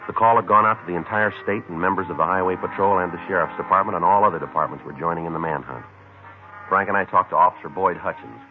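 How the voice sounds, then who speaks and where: A man playing a clipped, deadpan police detective. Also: deep voice, close to an everyday voice. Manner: clipped, flat, matter-of-fact. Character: male police detective, terse and methodical. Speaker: detective narrator. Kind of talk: 1950s radio police drama narration. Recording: tinny old radio broadcast with faint music.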